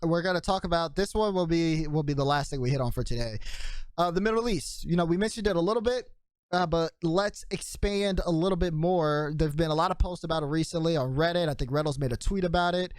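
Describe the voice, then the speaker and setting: A man's voice: on the high side, quick pace, clear, resonant tone, no room sound. Easygoing male host, casual esports talk, dry close mic. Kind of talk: casual esports podcast chat.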